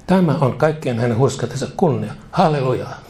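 A man's voice: mid-range voice, expressive, darkish tone. A man preaching a sermon, leading a spoken prayer that he repeats line by line, with fervent delivery and casual asides.

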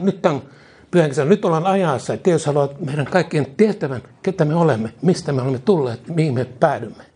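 Man, preacher, fervent sermon, husky, slightly high voice, repeats each line. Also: warm tone. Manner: fervent, repeats phrases, leads prayer line by line. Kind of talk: sermon with congregation prayer. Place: church.

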